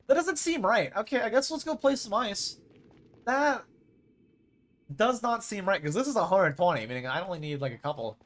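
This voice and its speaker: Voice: mid-range voice, lively intonation, moderate pace, a bit bright. A streamer rambling and thinking aloud over live gameplay in casual chat.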